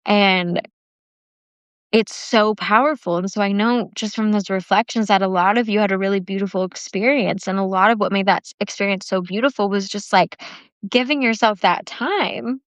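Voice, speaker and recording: A woman's voice: mid-range voice, normal speed, no echo. Chatty woman hosting a live session. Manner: chatty, with frequent "like" fillers. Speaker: self-love workshop host. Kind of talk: casual livestream talk after a guided meditation. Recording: dry, slightly dull lo-fi livestream audio.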